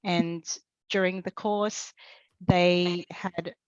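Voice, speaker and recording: A small business owner on a panel shares her own story chattily, full of fillers, her fairly low voice staying flat and moving very slowly. The audio is dry, dull and lo-fi, with no room sound.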